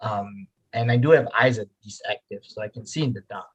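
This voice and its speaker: Husky-voiced man player, hesitant. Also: on the low side, fairly quick, muffled recording. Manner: hesitant, filler-laden. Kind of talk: playing a character at a tabletop game.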